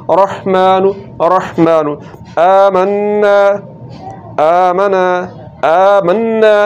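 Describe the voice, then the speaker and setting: A man teaching Quran recitation, explaining letter sounds step by step and repeating words slowly. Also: high-pitched, a little mellow, clean tone, muffled recording. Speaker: tajweed teacher.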